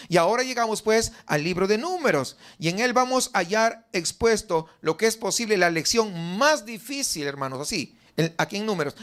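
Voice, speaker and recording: A man's voice: high voice, a bit bright. A male pastor with a Mexican Spanish accent preaching a sermon in church, asking the congregation question after question and acting out their doubts. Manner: asks the congregation many rhetorical questions; acts out the doubts of the faithful in a raised voice.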